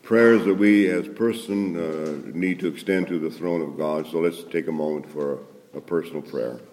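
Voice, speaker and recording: Male pastor, pulpit mic, deep voice, formal liturgy, reverberant sanctuary. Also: darkish tone. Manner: solemn, measured formal liturgy. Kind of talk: leading liturgical prayer. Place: church sanctuary. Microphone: at a pulpit microphone. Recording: long church hall reverb.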